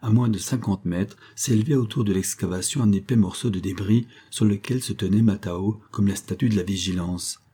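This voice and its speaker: A man reads a classic adventure novel aloud in a measured, steady narration. His voice sits low and carries a husky, breathy grain. The tone is dark and mellow. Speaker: audiobook narrator.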